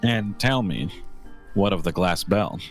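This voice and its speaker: A man reading the part of a police inspector, formal and measured as he sums up the facts of the case. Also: deep voice, faint music behind. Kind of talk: reading a game scene aloud with friends.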